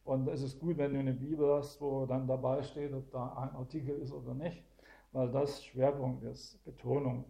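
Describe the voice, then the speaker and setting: A man's voice: mid-range voice, level tone, normal speed, gravelly, dark tone. A man teaching the Bible to a small group, explaining verses one by one and often adding "gell?" to check that listeners follow. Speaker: preacher.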